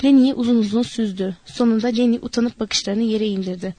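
A woman reading a novel aloud in a measured, expressive narration. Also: fairly high pitch, no echo.

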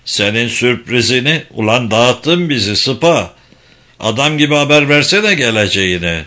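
A blind old village father, gruff and foul-mouthed, who bellows his words loud and slow, as a male reader plays him. His bright, hard-edged voice booms over the narration. He is a storybook character with a rough country temper. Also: lively intonation. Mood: bellowing angry. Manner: bellowing, cursing, then chuckling. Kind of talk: storybook reading.

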